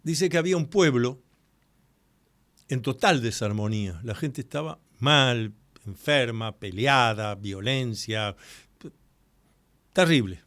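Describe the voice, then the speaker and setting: A man's voice: medium pitch, animated, a bit bright, no echo. Man hosting live radio, dry studio sound. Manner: explanatory, addresses listeners directly, repeats key points slowly. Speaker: radio host. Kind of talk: live radio talk on psychology. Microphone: studio microphone.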